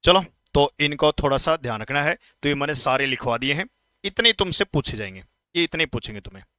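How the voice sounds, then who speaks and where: A man teaching English grammar in an exam-prep lesson, speaking informally to students and repeating words slowly to drill pronunciation. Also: fairly high pitch, expressive, bright, forceful tone, no echo. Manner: addresses students informally, asks quick questions.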